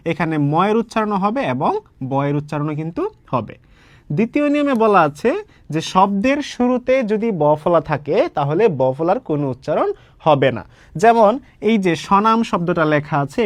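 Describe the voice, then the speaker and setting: A young man from Bangladesh leads a grammar lesson for exam students. His voice sits high and is recorded dry and close, with no room around it. He explains patiently, point by point, often posing a question and then answering it himself. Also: no echo. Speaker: teacher.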